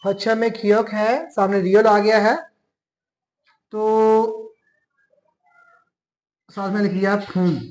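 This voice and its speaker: A man with a Pakistani accent giving a classroom lesson as a language teacher, talking slowly and deliberately and spelling out syllables one by one. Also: sits high, level tone, a little mellow, low-quality recording.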